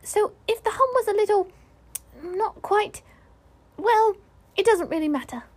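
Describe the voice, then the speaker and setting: Storybook piglet , acted by a woman: small, shy, earnest young male, very high squeaky voice. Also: measured pace. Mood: pensive, unsure. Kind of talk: children's storybook character voice.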